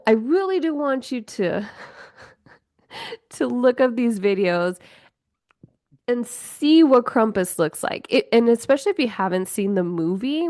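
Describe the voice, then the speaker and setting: A woman's voice: mid-range voice, a little mellow, no echo, clean studio sound. A woman hosting a podcast on her own, talking casually with lots of fillers, swearing and laughing often. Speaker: podcast host. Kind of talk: casual solo podcast chat.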